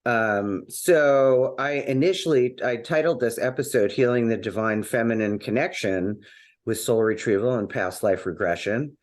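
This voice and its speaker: A man's voice: mid-range voice, normal speed. A man hosting a podcast in casual conversation, rambling a little with fillers and restarts. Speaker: podcast host.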